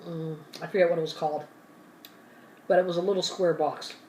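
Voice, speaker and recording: A woman's voice: lowish voice, steady tone, fairly quick, a little mellow, recorded from a distance, a little hiss or hum. A woman hosting an ASMR channel, telling a story in a casual, rambling way while eating, sometimes talking with her mouth full and correcting herself. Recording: roomy and from the mic, faint ambience.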